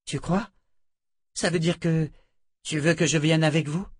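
A man's voice: fairly high pitch, steady tone, measured pace, breathy edge, no room sound, pitched above the performer's own voice. A man voicing an eager, curious young woman who asks blunt questions.

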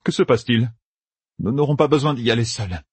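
A man's voice: mid-range voice, fairly quick, slightly rough, no echo, voice pushed up. A man voicing a brusque, proud older woman who was once a leader, curt and commanding.

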